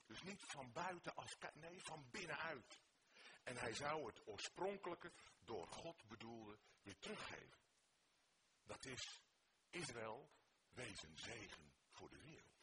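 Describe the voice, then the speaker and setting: A male preacher giving a sermon in a church, expressive, moving between hushed words and emphatic exclamations. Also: mid-range voice, slow, crowd noise. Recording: noticeable background noise.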